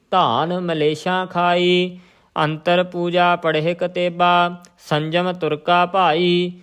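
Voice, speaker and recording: A man teaching scripture recitation, reading verses in a measured, even chant and stopping to explain pronunciation. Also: sits high, smooth.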